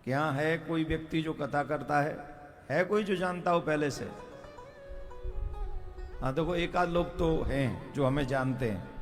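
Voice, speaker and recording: A man's voice: fairly high pitch, a little slow, long pauses, big-room sound, faint music behind. A male preacher giving a devotional sermon to a live crowd, earnest and teasing the listeners, calling on them to respond. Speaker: kathavachak preacher.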